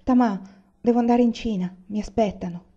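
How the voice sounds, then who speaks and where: A woman reading the part of a gentle, earnest husband about to leave for war. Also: on the high side, a little fast, dull audio, natural voice.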